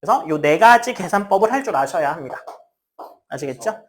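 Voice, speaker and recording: A woman's voice: on the low side, a little fast. A woman math teacher lecturing a class, her voice rising and falling a lot. She explains with everyday examples and slips into casual talk to her students. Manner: lively, talks to students in casual speech, acts out student lines.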